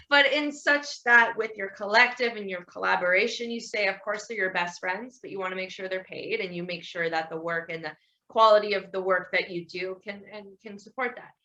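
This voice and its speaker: A young woman with a bright, clear tone hosts a relaxed podcast conversation. She rambles through her points, restarts her sentences and laughs easily while complimenting her guest. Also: medium pitch, moderate pace. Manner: rambling, laughs often, warm praise. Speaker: podcast host. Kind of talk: casual interview chat.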